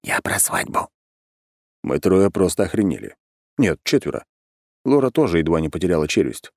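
Guy reading an audiobook, wry and chatty, lowish voice, really dry close sound. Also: very animated, fairly quick, vocal fry, a little mellow, no echo. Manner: wry, conversational. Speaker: audiobook narrator. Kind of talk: first-person audiobook narration.

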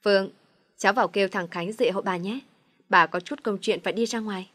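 A kindly elderly woman who owns the villa, giving her household calm, gentle instructions in an audio storybook, voiced by a woman narrator. Her voice stays at a middle pitch. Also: quick pace, no echo, lightly acted.

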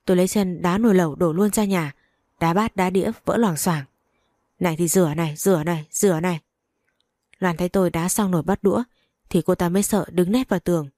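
A woman's voice: fairly low pitch, fast talker, darkish tone, no echo, clean studio sound. A woman narrating a dramatic first-person story.

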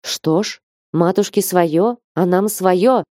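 A woman's voice: lowish voice, slow, dark tone, no room sound, studio quality. A woman reading an audiobook and voicing a passionate young man in love, who urges and insists. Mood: insistent.

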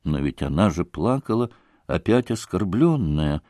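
An actor playing a gentle young man who speaks quietly and contritely. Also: deep voice, very animated, a little slow, voice pushed down. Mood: ashamed.

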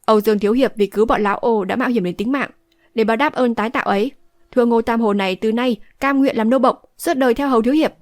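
A woman's voice: medium pitch, brisk, darkish tone, dry recording, lightly acted. A woman reading an elderly male martial hero, speaking in a formal, courteous way, in a dry studio recording. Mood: earnest.

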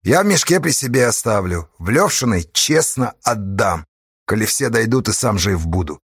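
Narrator plays a dour boatman, husky, plain and dry. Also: on the low side, expressive, moderate pace, a bit bright, no echo, full character voice. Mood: gloomy. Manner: gloomy, matter-of-fact. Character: gloomy literate male boatman, steady.

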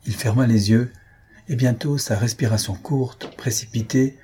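A man calmly narrating a novel as an audiobook reader. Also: medium pitch, measured pace, breathy edge.

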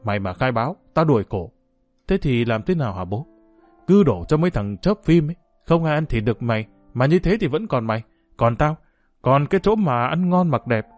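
A man voicing a lecherous middle-aged male farm-camp chief who talks in a low, hushed and crude way. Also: sing-song, brisk, faint music behind, natural voice. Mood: threatening.

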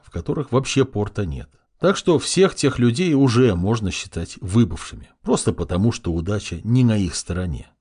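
Male audiobook reader, husky tone, lively pitch, wry first-person delivery. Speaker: audiobook narrator.

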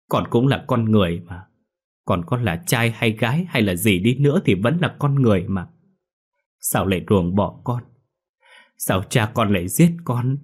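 A man's voice: on the low side, slightly rough. A man voicing the ghost of a young man who pleads tearfully with his family in a spoken ghost story. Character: grieving young male ghost, sobbing and pleading.

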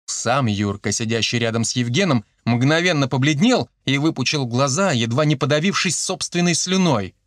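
A man narrating an audiobook in an expressive, lively way. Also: mid-range voice, normal speed, hardly any pauses, dry recording, clean studio sound.

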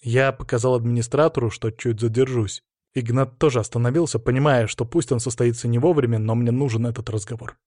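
A man narrating a story in the first person in a steady, measured way. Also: mid-range voice, no room sound, clean studio sound.

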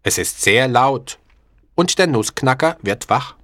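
Slow, expressive male storybook narrator. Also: mid-range voice, no room sound. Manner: clear, deliberate, expressive.

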